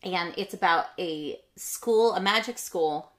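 A woman in her thirties co-hosting a casual podcast chat about books, enthusiastic and chatty with quick asides. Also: lowish voice. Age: 30s. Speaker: podcast co-host.

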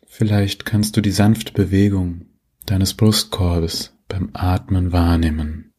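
Here a man leads a sleep meditation as its host, narrating gently in the manner of a sleep story. His soft, husky voice sits low with little pitch movement, and he lets long silences settle between phrases.

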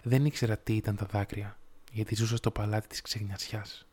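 A man's voice: level tone, husky. A man as a sorrowful golden prince statue. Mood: wistful. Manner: low, soft, musical.

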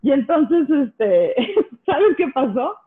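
A middle-aged woman from Monterrey with a northern Mexican accent, telling animated stories in casual conversation and laughing often. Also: high-pitched, very slow. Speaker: guest. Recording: tinny phone-like line.

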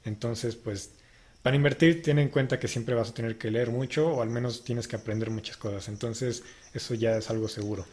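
A man's voice: mid-range voice, steady tone, a little fast, darkish tone. A man co-hosting a casual podcast, giving earnest step-by-step advice. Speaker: podcast co-host.

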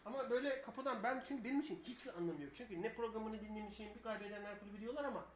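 A man's voice: sits high, racing, reverberant, slight background noise. A man co-hosting a live radio show, telling long rambling stories and swearing freely. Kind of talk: casual live radio banter.

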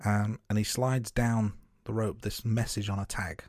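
A man co-hosting a podcast, giving measured, note-by-note commentary on a film. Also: on the low side, flat delivery, a little mellow, dry recording, studio quality. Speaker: podcast co-host. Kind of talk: casual film review chat.

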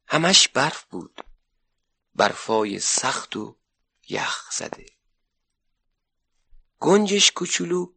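A man narrating a 1970s children's radio story, lively and expressive. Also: medium pitch.

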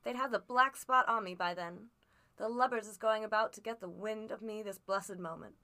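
A woman voicing a sick old sea captain who talks in rough sailor slang, feeble but hearty, in an audiobook. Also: medium pitch, normal speed, bright, forceful tone. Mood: defiant. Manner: rough seafaring slang, cursing. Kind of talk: audiobook character voice.

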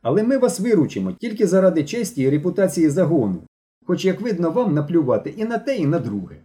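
A male reader voicing a stern teenage boy who lectures two runaways in a lively, raised tone. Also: medium pitch, a little fast. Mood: scolding. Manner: lecturing, indignant. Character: stern teenage boy, troop leader, scolding.

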